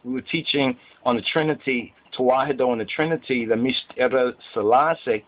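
A man delivers a Rastafari Bible teaching in Rasta speech, with a medium-pitched voice. He repeats key phrases for emphasis and often checks in with a short questioning tag. The sound is narrow and tinny, like a phone line. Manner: emphatic repetition, checking in with "right?". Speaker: religious teacher.

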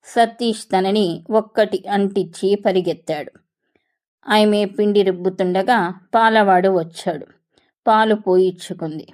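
A woman narrator reading a story aloud in a steady, measured way. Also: mid-range voice.

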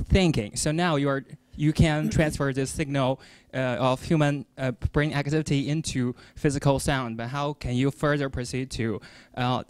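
Audience guy asking a question, halting and wordy, clean dry voice. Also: mid-range voice, a little mellow, smooth, no room sound. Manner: halting, many fillers and restarts, searching for words. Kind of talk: conference Q&A question. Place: lecture hall.

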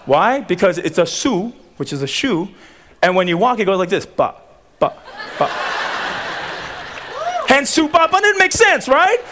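This high-voiced Tongan man, whose first language is Tongan, gives a spirited commencement sermon on an outdoor tent stage at a graduation, speaking unhurriedly and pausing often. He's animated and playful, leading audience call-and-response. There's slight background noise.

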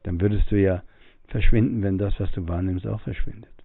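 A man's voice: low voice, fairly even intonation, a little fast, creaky, slightly rough, no room sound. A man giving a spiritual teaching in a musing way, acting out the voices of the people he quotes and breathing audibly as he talks. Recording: tinny phone-like audio, dry.

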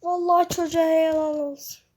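High-voiced child narrating a game. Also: brisk. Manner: excitable, talks to self while playing. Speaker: gamer. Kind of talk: gameplay commentary.

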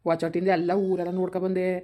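A woman's voice: on the low side, close to an everyday voice. A woman playing a young village man who reports a fruitless search and reassures the worried family. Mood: reporting. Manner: reassuring, flat, hurried reports.

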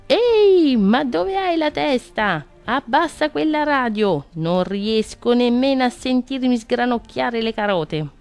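Lady putting on a squeaky cranky grey bunny guy, high and bouncy, scolds his neighbour, storybook voice. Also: animated, slow pace, hardly any pauses, darkish tone, soft background music. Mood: scolding. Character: cranky male grey rabbit, Mr Bigio.

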